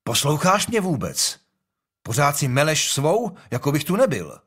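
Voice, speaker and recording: A man's voice: medium pitch, big pitch swings, fairly bright tone, husky. A man voicing a young, imperious and impatient king in an audiobook, speaking in a commanding, brusque way.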